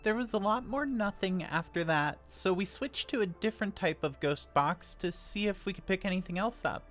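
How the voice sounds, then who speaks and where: A woman's voice: medium pitch, lively intonation, moderate pace, soft background music. A woman giving a casual, candid voice-over narration as host of a ghost-hunting vlog.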